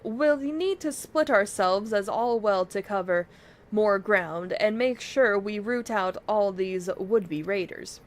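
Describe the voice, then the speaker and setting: Over video game music, a woman reads aloud a fantasy game's military commander briefing, confident and formal. Her medium-pitched voice is close to an everyday one and slow, yet the mood is brisk and assured, the delivery orderly and declarative.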